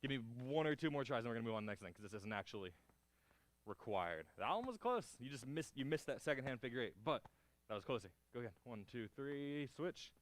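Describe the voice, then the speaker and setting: A man's voice: medium pitch, very animated, quick pace, no room sound. A man instructing a martial arts class, giving short clipped counts and cues along with encouraging feedback as he demonstrates moves.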